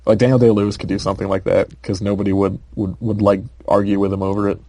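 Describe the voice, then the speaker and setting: Brief: young male podcast co-host, low mellow voice, loose rambling delivery full of "like" and "um". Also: little pitch movement, quick pace, dry recording. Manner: rambling, filler-heavy, laughs often. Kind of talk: casual chat.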